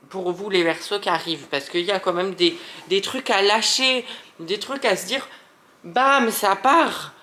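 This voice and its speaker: A man from France doing a casual monthly tarot reading, talking straight to viewers in an animated, self-mocking way. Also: high voice. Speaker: tarot reader.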